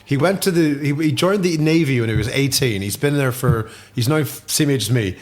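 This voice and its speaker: A man with a Northern Irish accent, a podcast guest telling stories in casual chat, animated, swearing freely and laughing often. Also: medium pitch, brisk. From Northern Ireland.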